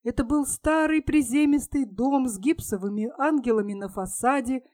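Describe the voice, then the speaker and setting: A woman reading a story aloud in a steady, even storytelling manner. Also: high voice, moderate pace, no echo, clean studio sound. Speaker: audiobook reader. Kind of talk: scripted narration.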